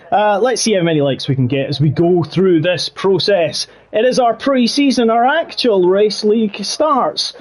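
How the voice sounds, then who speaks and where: A man hosting and commentating a sim racing league stream, playful and showman-like with rambling asides. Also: high voice. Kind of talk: live-stream race commentary.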